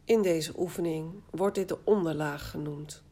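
A woman guiding a body scan relaxation exercise, speaking calmly and soothingly in short phrases with long pauses. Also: sits low. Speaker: guided meditation instructor.

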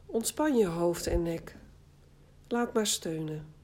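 Woman, meditation instructor, unhurried delivery, slightly low pitch, calm, soothing, short phrases, long pauses. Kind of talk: guided body scan relaxation narration.

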